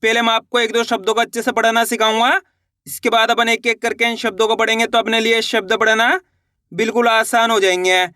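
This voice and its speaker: A man teaching a beginners' reading lesson, patiently asking questions and answering them himself, slowing down to sound out each syllable. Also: very high voice, little pitch movement, sharp tone. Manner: slows and stretches syllables when sounding out words. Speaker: Hindi teacher.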